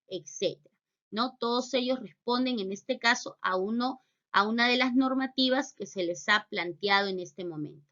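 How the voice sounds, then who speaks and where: A woman teaches a recorded spelling lesson, her voice bright and a little high. She spells out rules and example words slowly and clearly. The recording sounds dull and lo-fi.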